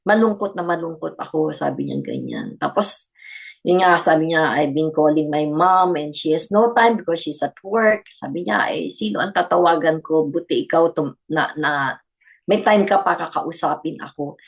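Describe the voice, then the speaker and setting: A woman's voice: deep voice, expressive, normal speed. An older woman, a grandmother, giving a personal testimony in a radio interview with earnest storytelling. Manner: earnest storytelling, mixing Tagalog and English. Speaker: guest grandmother.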